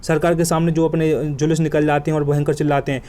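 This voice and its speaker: Fast-talking vocabulary teacher, man. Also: on the high side, little pitch movement, a little mellow. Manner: colloquial, joking, emphatic with vivid examples. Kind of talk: exam coaching lesson.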